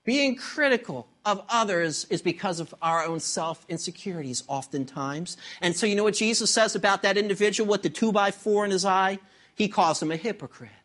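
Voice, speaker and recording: A man's voice: sits high, moderate pace. A middle-aged man preaching a sermon as pastor, telling stories with humor and acting out voices. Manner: animated storytelling with acted-out voices and humor.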